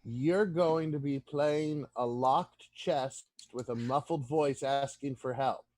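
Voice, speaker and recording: A man running a tabletop role-play scene, narrating in a hesitant, halting way. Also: medium pitch, darkish tone. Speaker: game master.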